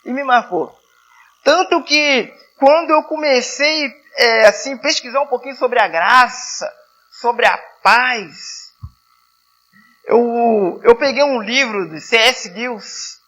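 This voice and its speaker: Bright-voiced missionary man preaching. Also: very high-pitched, slow, lo-fi sound. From southern Rio de Janeiro state, Brazil. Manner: conversational, repeats and restarts, asks the congregation "né?". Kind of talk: sermon. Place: church hall.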